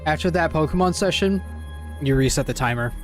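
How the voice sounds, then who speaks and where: A man's voice: fairly high pitch, expressive, brisk. Laid-back man streaming, laughing often. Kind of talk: casual stream chat. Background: music.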